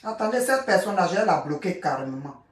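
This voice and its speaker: A woman's voice: on the low side, lively intonation, fast talker, distant mic. A woman coach ranting angrily on a live stream, scolding with many repeats and stammered restarts, away from the mic in an echoey room. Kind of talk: angry live-stream rant.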